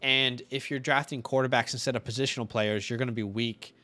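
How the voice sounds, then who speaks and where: A man's voice: medium pitch, steady tone, fairly quick, bright, forceful tone. A man in his twenties chatting casually on a livestream as co-host, thinking aloud and counting out his math. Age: 20s.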